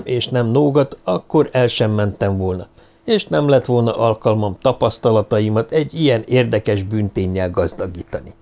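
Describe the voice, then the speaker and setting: A man voicing a quick, impatient, sharp-witted detective in an audiobook, eager and commanding. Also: mid-range voice, creaky, close to an everyday voice. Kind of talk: audiobook character voice.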